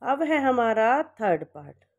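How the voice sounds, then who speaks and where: A woman with a fairly high voice teaches a maths lesson one step at a time. She keeps checking in with her students and corrects her own slips as she goes. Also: very animated, unhurried, dull audio.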